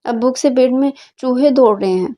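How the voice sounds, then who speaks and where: A woman's voice: sits high, warm tone, natural voice. A woman reading as an indignant young wife. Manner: indignant, scolding.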